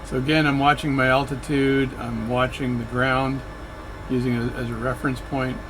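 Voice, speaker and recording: Over a noisy background, a flight sim video creator narrates casually as he plays, his medium-pitched voice flat and moderately paced. He rambles chattily and frequently stops to correct himself partway through a sentence.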